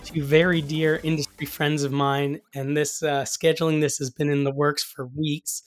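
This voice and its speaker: A man hosting a casual podcast interview in a hoarse voice that he has partly lost, speaking with enthusiasm. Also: fairly high pitch, no echo. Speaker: podcast host.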